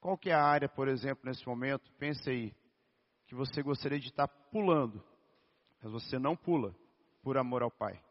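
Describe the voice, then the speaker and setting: A man, a physical education teacher, preaching a sermon in a conversational, storytelling way with a naturally hoarse voice. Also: medium pitch, normal speed. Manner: storytelling, conversational, addresses listeners as brothers. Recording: dull sound with long reverb in a hall.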